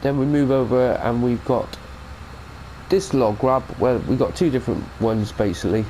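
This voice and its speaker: This man speaks at medium pitch and a moderate pace in a mellow voice, and the rough recording carries a little hiss or hum. He's a British gaming channel host with a cold, casually rambling through a farming-game mod review and fixing his own slips as he goes.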